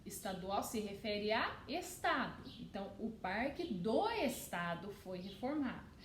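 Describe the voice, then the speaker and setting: A woman teacher reading and explaining a lesson to children, often checking with a quick "ok?". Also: medium pitch, very animated, echoey room, slight background noise. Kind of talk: online class lesson.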